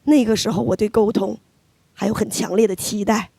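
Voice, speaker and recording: On a stage before a live audience, a woman performs stand-up comedy with chatty, teasing delivery built around punchlines. Her voice is medium-pitched, steady, brisk and gravelly, with audience laughter and heavy background noise behind her.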